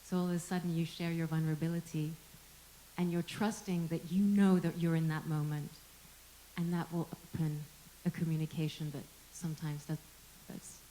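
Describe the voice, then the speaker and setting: A woman's voice: sits low, level tone, normal speed, dark tone, slight background noise, low-quality recording. A woman, an actor, speaking on a discussion panel, reflective and searching for her words as she goes.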